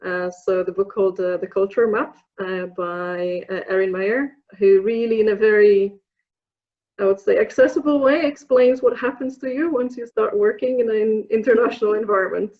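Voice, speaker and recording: The interview guest, a program alumna from Poland in her thirties, considers each question and answers with a Polish accent, full of fillers and false starts. She talks at a moderate pace in a medium, fairly even voice, recorded with dull audio.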